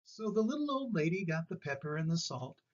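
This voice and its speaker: An older man with a grandpa voice gives an expressive, animated read-aloud of a children's picture book on a slightly dull recording. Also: fairly high pitch, a little fast. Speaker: storyteller reading a picture book.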